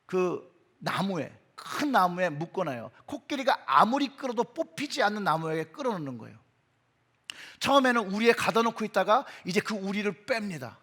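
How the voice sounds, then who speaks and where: Emphatic high-voiced male pastor preaching. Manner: emphatic, with surges in pitch and loudness. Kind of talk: sermon. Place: church sanctuary.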